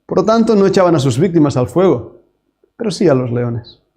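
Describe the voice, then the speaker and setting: A man delivers an evening sermon, his voice sitting high yet mellow and soft-edged. He reads scripture aloud with dramatic lifts and drops, pulling back almost to a murmur on the key lines. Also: sing-song, fairly quick. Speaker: pastor.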